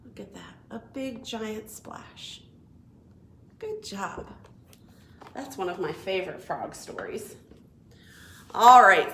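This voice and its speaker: In a roomy-sounding space, a woman with a medium-pitched voice leads storytime as a children's librarian. She reads aloud with animation and encouragement, keeping her phrasing simple for little ones.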